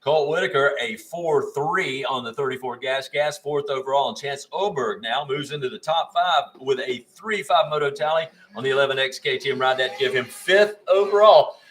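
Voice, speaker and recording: A man's voice: mid-range voice, moderate pace, few pauses, a bit bright. A man commenting live on a motocross race, rattling off lap times and standings in a folksy way.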